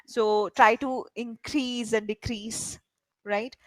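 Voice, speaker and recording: A woman's voice: a little high, steady tone, takes it slowly, dry recording, low-quality recording. A woman from India coaching a learner in spoken English, explaining patiently and checking in with frequent questions. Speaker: English tutor.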